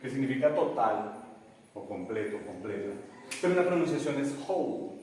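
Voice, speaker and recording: A man with a Colombian accent teaching English in a classroom, animated and addressing his students with local slang. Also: medium pitch, moderate pace, a little hiss or hum. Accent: Colombian Spanish. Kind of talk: classroom lesson. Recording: echoey classroom, from far off.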